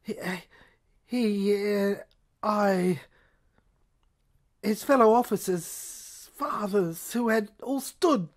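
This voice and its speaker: Her mid-range voice carries intense, faltering first-person narration for a sci-fi audio drama. She performs it dramatically, circling back over phrases and occasionally fading nearly to a whisper.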